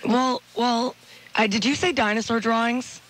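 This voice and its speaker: A woman hosting a radio talk show, gushing and excitable, stumbling into restarts. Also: a little high, normal speed, poor audio. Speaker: radio host. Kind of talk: casual radio chat. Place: radio studio.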